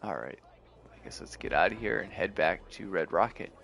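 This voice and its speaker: A man's voice: sits low, animated, moderate pace, vocal fry, heavy background noise. A man giving casual, laid-back let's play commentary, thinking aloud as he plays. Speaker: gameplay streamer.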